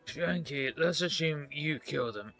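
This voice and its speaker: A man's voice: a little high, a little slow, vocal fry, pushed and bright, faint music behind. A man giving chatty asides while streaming a video game. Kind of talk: casual game-stream commentary.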